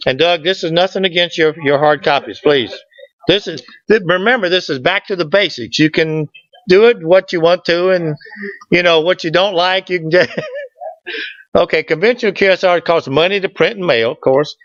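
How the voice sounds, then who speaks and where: Joking folksily with his audience, a club presenter runs an informal slide session from a lectern in a meeting room. His high voice moves at a moderate pace with a slightly bright tone. There's no room sound, yet the recording is dull and lo-fi.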